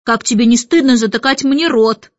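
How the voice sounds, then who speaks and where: A woman's voice: sits high, animated, moderate pace, no room sound, muffled recording, voice pushed up. A woman voicing a cross, snappish young girl in an audiobook. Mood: angry. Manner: snapping, sobbing.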